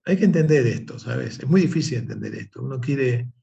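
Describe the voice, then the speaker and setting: A man with a gravelly, creaky voice tells a parable in a relaxed interview. He talks in an animated, reflective way, with lively turns as the story goes. His pitch sits in an ordinary middle range. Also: brisk, highs cut off. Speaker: guest. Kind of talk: conversational storytelling.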